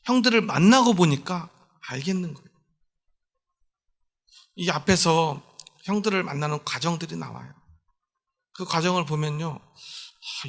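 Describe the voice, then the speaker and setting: A man's voice: on the high side, vocal fry. A male pastor giving a sermon in a conversational storytelling way, often asking the congregation questions.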